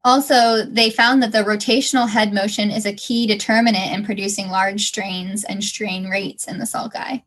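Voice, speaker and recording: A young woman co-hosting a casual science podcast, chatty and quick to laugh. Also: mid-range voice, fairly even intonation, a bit bright. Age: young adult. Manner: laughs often, bubbly and chatty. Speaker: podcast co-host.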